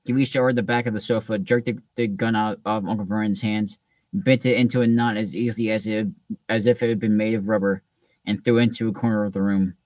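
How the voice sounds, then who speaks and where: A man hosting a reading session and reading a story aloud in a relaxed way, with frequent restarts. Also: lowish voice, quick pace, no echo. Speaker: host reading a book aloud. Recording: distant mic in a dry room.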